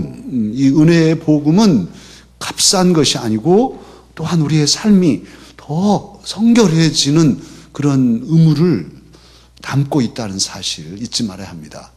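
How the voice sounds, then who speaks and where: Male pastor, husky, conversational sermon delivery, church setting. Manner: conversational preaching, often drops to a soft low voice for quoted lines. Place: church sanctuary.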